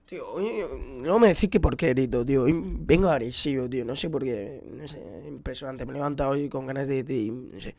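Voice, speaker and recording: A young man with a Spain Spanish accent, reacting loudly to gaming clips, swearing and exclaiming often. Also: mid-range voice, brisk, hardly any pauses. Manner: loud outbursts, swearing, exclamatory. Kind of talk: excited gaming commentary.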